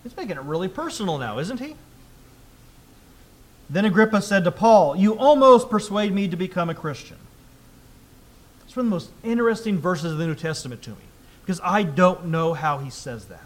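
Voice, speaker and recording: High-voiced man preaching a sermon. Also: big pitch swings, fairly quick. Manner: reads scripture aloud with rising emphasis, then explains in a quieter tone.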